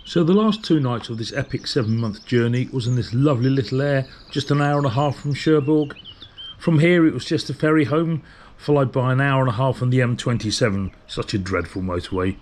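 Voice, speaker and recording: A man talking through a motorhome travel vlog. His voice sits at an ordinary middle pitch, and he rambles cheerfully with lots of ums and restarts. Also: fairly quick, a little mellow. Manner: chatty, rambling with many fillers and restarts. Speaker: vlogger. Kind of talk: casual travel vlog chat and voice-over. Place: motorhome on the road.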